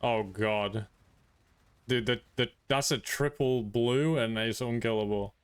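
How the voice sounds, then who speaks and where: A man streaming a game, chatting casually and blurting out excited reactions. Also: medium pitch, slow pace, clear, resonant tone, no room sound. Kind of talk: casual live-stream chat.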